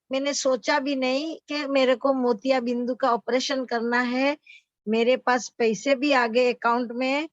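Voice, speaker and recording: Female class participant, high voice, grateful, dry lo-fi line. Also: no room sound. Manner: thankful, repeats her thanks. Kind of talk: grateful sharing.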